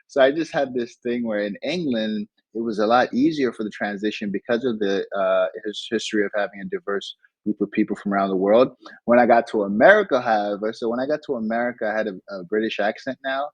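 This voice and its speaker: A lower-voiced man from Nigeria reflects on his past as a guest in an interview, his tone husky and a little rough. He restarts sentences often and grows animated when recounting events. The sound is close and dry. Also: quick pace, no echo, poor audio. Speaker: interview guest, digital entrepreneur. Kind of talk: casual storytelling interview.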